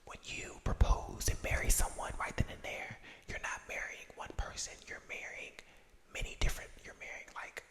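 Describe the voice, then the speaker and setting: An ASMR creator of unclear gender whispering a casual, reflective personal ramble in a hesitant, self-correcting way, with an echo effect on the voice. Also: normal speed. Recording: long echoing reverb on whisper.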